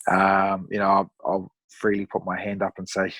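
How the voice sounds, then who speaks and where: A man in his thirties with a broad New Zealand accent, chatting casually as a podcast guest in a laid-back, matey, rough-around-the-edges way. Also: low-pitched, monotone, normal speed, fairly bright tone, no room sound. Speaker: podcast guest, amateur endurance athlete. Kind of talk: casual conversational storytelling.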